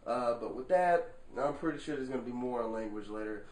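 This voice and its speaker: Animated, cussing man in an echoey room. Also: mid-range voice, fairly quick. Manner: animated, rhetorical, swears freely, asks the viewer "right?". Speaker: vlogger. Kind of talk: casual vlog monologue. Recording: echoey room, far from the mic.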